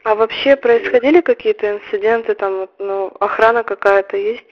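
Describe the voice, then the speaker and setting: A young woman of about nineteen calling on the phone and asking a string of soft questions. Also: mid-range voice, fairly quick. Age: late teens. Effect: heard over a phone line. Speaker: caller. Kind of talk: phone conversation. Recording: muffled phone line.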